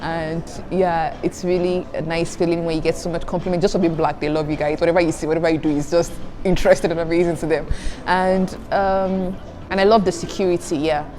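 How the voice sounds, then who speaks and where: A young adult Nigerian student vlogger whose native language is Igbo chats casually with viewers, answering their questions against background music and a noisy background. Her lowish voice has little pitch movement and moves fairly quickly with few pauses. She giggles between answers and calls everyone "guys."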